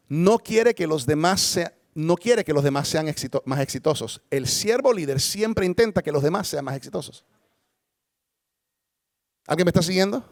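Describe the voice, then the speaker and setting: Brief: male pastor, higher-pitched voice, dry close sound, emphatic sermon delivery with big swings. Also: no room sound. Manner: emphatic, dramatic swings in pitch and loudness, rhetorical questions.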